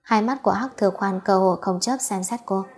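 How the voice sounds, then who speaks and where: A woman narrates a romance novel at a steady, even pace, her voice husky and a little breathy. The delivery is a plain, scripted audiobook reading. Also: medium pitch, normal speed.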